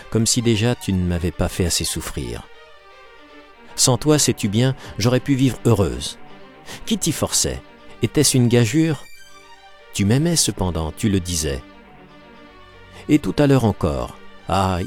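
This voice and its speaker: A man's voice: sits low, very animated, measured pace, darkish tone, faint music behind. A man reading an audiobook, voicing a desperate young woman who reproaches and pleads with passion. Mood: anguished, pleading. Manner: impassioned, reproachful.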